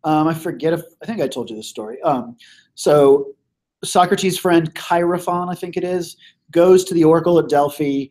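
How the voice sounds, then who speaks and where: A man's voice: fairly high pitch, moderate pace, a little mellow. Man teaching while losing his voice. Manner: casual, many fillers and throat clearing. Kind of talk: classroom review lecture. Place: classroom.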